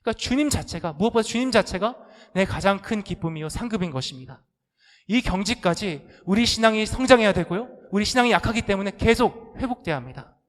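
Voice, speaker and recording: A male pastor delivers a sermon in a high voice, carried by the long reverb of a church sanctuary. He puts questions straight to the congregation and slips into pleading, aggrieved prayers to make his point. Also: animated, fast talker, fairly bright tone. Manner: acts out complaining prayers with rising, pleading intensity; asks the congregation direct questions.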